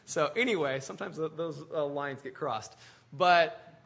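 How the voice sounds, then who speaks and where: Bright, forceful male preacher. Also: on the high side, a little slow, gravelly, husky. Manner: animated, conversational preaching with restarts and asides. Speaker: pastor. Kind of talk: sermon.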